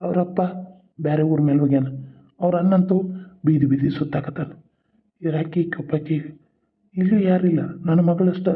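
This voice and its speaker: A sly, scheming middle-aged village man from a cartoon serial, who mutters his plans under his breath. His voice sits high for a man. The sound is narrow and phone-like. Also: breathy edge. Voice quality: muttering, sly asides to himself.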